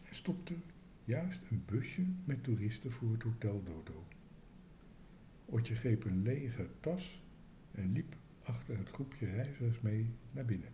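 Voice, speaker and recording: Gravelly, lively male storyteller. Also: on the low side, a little hiss or hum. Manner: lively, expressive reading. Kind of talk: children's story reading.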